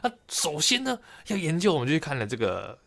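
A man's voice: fairly high pitch, wildly swooping pitch, brisk, vocal fry, a bit bright. A young man with a Taiwanese Mandarin accent, co-hosting a casual podcast chat, telling stories and reading out dictionary entries. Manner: chatty storyteller, reads out dictionary entries. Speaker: podcast co-host.

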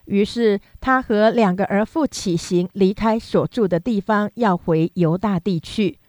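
Woman reading scripture, steady and dry. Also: mid-range voice, dry recording. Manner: steady, even, measured reading. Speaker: scripture reader.

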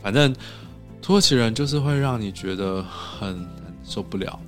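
A man telling stories in a casual podcast chat in a recording studio, animated and acting out the other people's lines. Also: lowish voice, moderate pace, soft background music. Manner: animated, acts out quoted dialogue.

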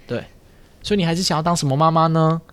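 Man explaining voice habits, slightly high. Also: fairly even intonation, fast, fairly bright tone, smooth. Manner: explains patiently, teasing and joking. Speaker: speech therapist, podcast host. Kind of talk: casual explanatory podcast chat. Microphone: studio mic with headphones.

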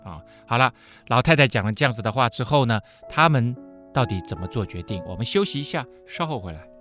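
Lively male Bible teacher. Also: mid-range voice, quick pace, over music. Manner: lively storytelling with frequent filler particles. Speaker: Bible teacher and radio host.

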